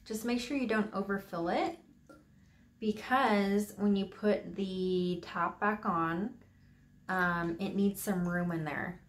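A woman's voice: medium pitch, steady tone, takes it slowly. A woman vlogger talking casually and upbeat through a DIY tutorial in her home office. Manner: chatty, upbeat, with fillers.

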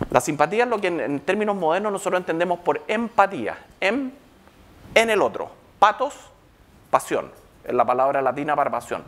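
A man giving a live public lecture, checking in with the audience through constant rhetorical questions. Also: on the high side.

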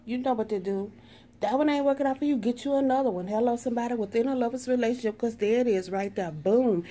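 A woman's voice: fairly high pitch, fast talker, dark tone. A woman doing a sassy, profane tarot reading in a brash, sarcastic way, swearing constantly. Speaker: tarot reader.

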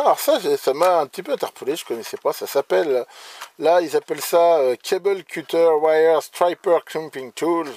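A man's voice: fairly high pitch, a little mellow, a little hiss or hum. A man casually presenting electronics gear he bought, hesitant, with many restarts and fillers. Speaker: electronics hobbyist presenting purchases. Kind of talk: casual show-and-tell.

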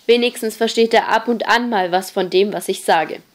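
A woman reading an audiobook, voicing a gruff, bossy teenage boy who leads the group and barks orders loudly. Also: medium pitch, normal speed, close to an everyday voice. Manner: loud, barking orders.

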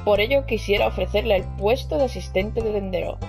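A woman's voice: mid-range voice, fairly quick, a little mellow, natural voice. A woman reading as a smug corporate store boss. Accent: Spain Spanish. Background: game music.

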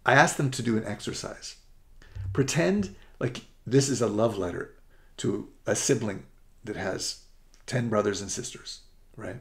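A middle-aged man giving an upbeat, rushed presentation as a college essay coach, often correcting himself mid-sentence. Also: fairly low pitch, gravelly, a bit bright. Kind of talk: presentation to parents and students.

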